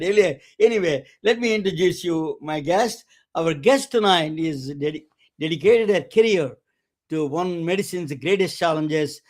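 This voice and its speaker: A man hosting a webcast, introducing guests in a halting way with many restarts and fillers. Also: on the high side. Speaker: webcast host. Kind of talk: casual interview introduction.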